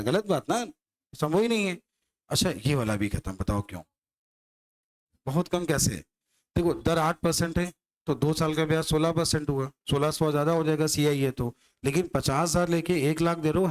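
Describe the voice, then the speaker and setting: A male maths teacher lecturing a class, teasing his students and firing rhetorical questions at them. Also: on the high side.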